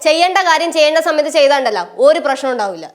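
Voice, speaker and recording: A brash, demanding young daughter, very high voice. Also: female voice, animated, rapid-fire. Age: young adult. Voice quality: pushy, sassy. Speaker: married daughter. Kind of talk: TV sitcom acting. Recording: TV sitcom with faint music.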